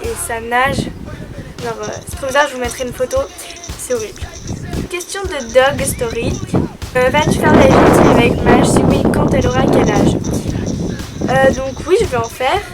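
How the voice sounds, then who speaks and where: A woman's voice: high-pitched, moderate pace, pauses often. A young woman from France chatting casually as a dog-owner vlogger, reading viewer questions aloud and answering them in a chatty, hesitant way. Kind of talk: casual FAQ chat. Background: background music.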